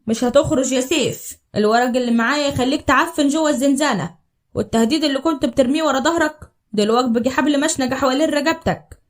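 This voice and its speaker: A woman voicing a devoted young husband from Upper Egypt in a storybook drama, speaking in a low, earnest Upper Egyptian accent. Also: quick pace, lightly acted. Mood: menacing. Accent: Upper Egyptian Arabic. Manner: low, earnest, tender declarations.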